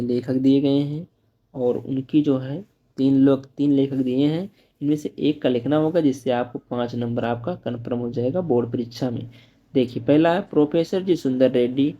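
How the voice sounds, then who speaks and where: A male teacher going through exam-paper answers, reading each answer slowly and explaining it simply. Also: mid-range voice, muffled recording. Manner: reads answers aloud slowly, then explains in plain asides. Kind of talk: exam-prep lesson.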